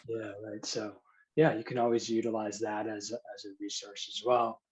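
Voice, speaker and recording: A man with a fairly low voice works as a hypnotherapist. He gives gentle, soothing guidance in an unhurried way, as in a hypnosis session. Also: level tone, very noisy. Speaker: hypnotherapist demonstrating a hand induction. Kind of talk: guided hypnosis and explanatory talk.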